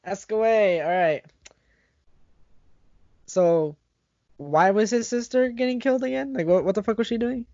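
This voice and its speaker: A man's voice: high voice, measured pace, pauses often, a little mellow, dry recording. A young man co-hosting a casual podcast, talking loosely and profanely about films with frequent giggles. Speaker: podcast co-host. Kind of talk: casual chat. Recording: dry, dull lo-fi sound.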